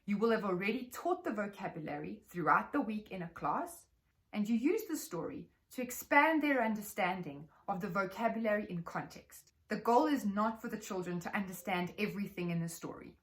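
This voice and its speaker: A South African woman working as a trainer gives teachers an instructional talk. She explains in a measured, articulate way, her medium-pitched voice animated.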